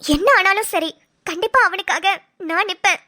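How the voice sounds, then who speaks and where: A woman's voice: extremely high pitch, normal speed, sharp tone, faint music behind. A woman voicing an emotional, loyal young woman in a cartoon, who talks in a pleading way. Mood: resolute. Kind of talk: Tamil cartoon voice acting.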